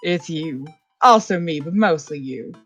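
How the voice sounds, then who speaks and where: A woman's voice: low voice, lively intonation, measured pace, soft background music. A woman voicing a rowdy male drinking buddy in a put-on Texan accent, teasing and drawn out.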